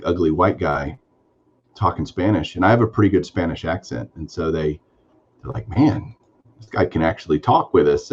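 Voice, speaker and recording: A man co-hosts a sports card podcast, his low voice coming through with lo-fi sound. He talks casually and enthusiastically, rambling and packing his speech with fillers.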